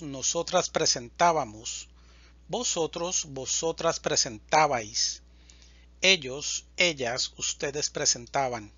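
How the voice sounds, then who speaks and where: Slow, bright-voiced man drilling verbs. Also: a little high, slightly rough, no echo, lo-fi sound. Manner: deliberate, evenly spaced reading of word lists. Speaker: Spanish teacher. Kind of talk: slow drilled verb conjugation lesson.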